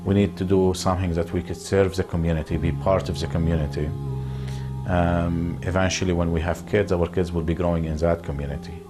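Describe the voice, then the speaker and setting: Interviewee: Lebanese-born man in his fifties, very low voice, unhurried, pausing often, music bed underneath. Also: flat delivery. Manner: measured, with frequent pauses and fillers. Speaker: interviewee, businessman. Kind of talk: reflective interview talk.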